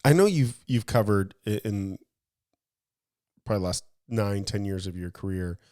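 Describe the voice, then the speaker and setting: Speaking at a normal speed in a fairly low, somewhat mellow voice, this man sounds animated as he co-hosts a laid-back talk podcast. Analogies, leading questions aimed at his partner, and frequent restarts mark his style.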